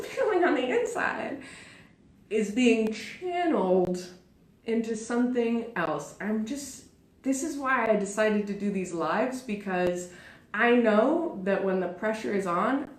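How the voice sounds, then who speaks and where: A woman in her thirties talks through her childhood as a live show host, chatty and theatrical, often poking fun at herself. Her voice sits in a middle pitch. The sound is roomy, with the space ringing around her. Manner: theatrical and self-mocking; chatty, with frequent "like" and "super". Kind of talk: live personal monologue. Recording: roomy echo.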